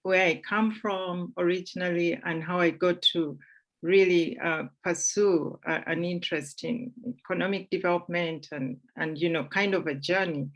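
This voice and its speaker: A woman in her forties from Uganda, speaking as a guest at a panel discussion, measured with frequent fillers. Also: on the low side, steady tone, lo-fi sound.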